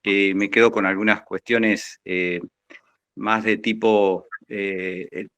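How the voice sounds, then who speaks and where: A fairly low-voiced man with a bright, forceful tone talks into his phone, halting often and filling the gaps with fillers. The sound is dry and close. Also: level tone, no echo. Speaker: gardener in the audience. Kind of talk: online Q&A question.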